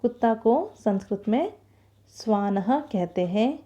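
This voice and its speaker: Woman teacher, mellow voice, slow patient delivery, lo-fi recording. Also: medium pitch, lively intonation. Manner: patient, explains slowly with repetition, mixes in English words. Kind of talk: classroom lesson explanation.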